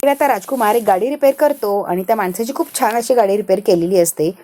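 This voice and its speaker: A woman's voice: medium pitch, quick pace. A woman chattily recapping the plot of a TV serial in a casual storytelling voice. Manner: chatty, animated retelling.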